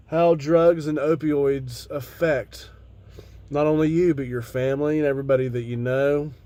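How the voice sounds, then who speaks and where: An American video host who is stoned on cannabis chats laid-back and rambling to his viewers, swearing casually in a loose vlog conversation. His voice is fairly high-pitched and mellow, recorded with no echo.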